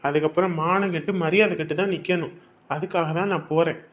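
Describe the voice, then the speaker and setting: A man's voice: fairly high pitch, fairly even intonation, fast talker, close to an everyday voice. A man plays a stern young husband in a family drama, lecturing his wife with stubborn insistence. His voice comes through a dull, lo-fi recording. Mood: firm persuading. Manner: lecturing, repeats himself, grows harsh. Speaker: husband leaving home for work. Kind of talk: Tamil family drama acting.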